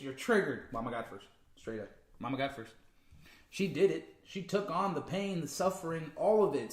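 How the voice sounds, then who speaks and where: A man co-hosting a casual spiritual livestream, emphatic and quick to laugh. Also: a little high, echoey room. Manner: animated, laughs often, emphatic. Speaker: co-host.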